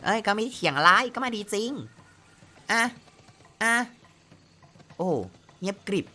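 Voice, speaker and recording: A woman's voice: medium pitch, a little slow, sharp tone. A woman streaming a slot game, chatting playfully with her viewers and exclaiming at each spin in casual gameplay commentary.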